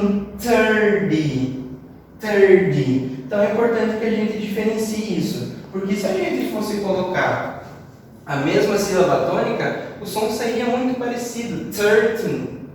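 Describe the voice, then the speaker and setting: A man from Brazil teaching an English class, explaining step by step and repeating words slowly for drill. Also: high-pitched, a little mellow, far from the mic, slight background noise. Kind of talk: classroom lesson. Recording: roomy echo, voice off-mic with long reverb.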